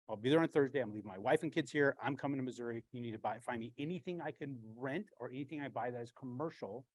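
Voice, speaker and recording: A man, a branch manager, giving a blunt, animated storytelling talk with frequent swearing and a husky voice. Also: medium pitch, no room sound, rough recording.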